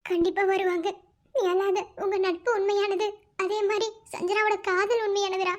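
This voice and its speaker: A cheeky young cartoon wife, as a woman plays her, with a very high, light voice. She fires back quick, playful retorts and comforts friends in the same bright tone. The sound is plain and clear. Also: little pitch movement. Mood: comforting. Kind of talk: fan-made cartoon voice acting.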